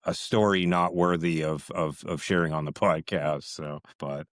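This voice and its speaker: Male podcast host, very deep voice, rambling storyteller, eager questions, dry close sound. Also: steady tone, measured pace, no echo. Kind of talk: casual interview chat.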